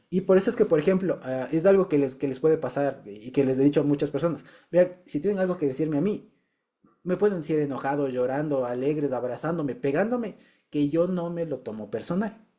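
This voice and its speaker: A man's voice: a little high, mellow. A man sharing a personal testimony in a small Bible study group, chatty and repeating himself, often checking that listeners follow.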